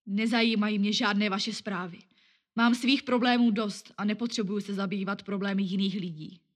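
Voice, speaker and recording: A woman's voice: medium pitch, fairly even intonation, natural voice. A woman voicing a grumpy, down-on-his-luck middle-aged man in a read-aloud story, with a curt, irritable delivery.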